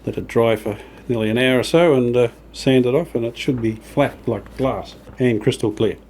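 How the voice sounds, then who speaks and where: A man hosting a hobby radio restoration channel talks casually through his hands-on work as he does it, thinking aloud in an understated, slightly tentative way. His voice is medium-pitched and darkish, at a moderate pace, with clear sanding and rubbing noises behind him.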